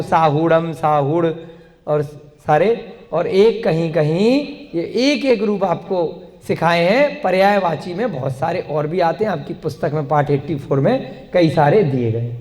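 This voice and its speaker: A man's voice: high-pitched, darkish tone. A male teacher giving a grammar lesson to a class, patiently putting questions to his students and dictating what they should write. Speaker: language teacher. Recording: long classroom reverb.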